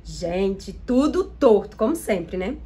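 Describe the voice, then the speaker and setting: A woman's voice: mid-range voice, animated, takes it slowly, warm tone. A Brazilian woman doing a makeup tutorial, talking to viewers in an enthusiastic, chatty way as she tests the products. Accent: Brazilian Portuguese. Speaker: makeup vlogger.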